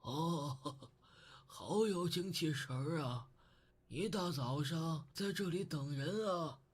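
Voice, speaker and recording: An actor voicing a friendly old male neighbor in a visual novel, speaking in a slow, chatty, kindly way. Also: a little high, breathy edge.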